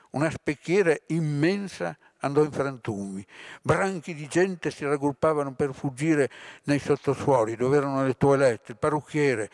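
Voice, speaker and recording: A male lecturer reads a novel passage aloud in a measured, expressive way. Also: a little high, no room sound. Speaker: literature lecturer. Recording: dry close recording.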